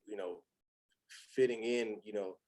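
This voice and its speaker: Guest: man in his thirties, lowish voice, loose and candid, full of fillers. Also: fairly even intonation, unhurried, darkish tone. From Los Angeles. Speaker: podcast guest. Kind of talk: casual chat.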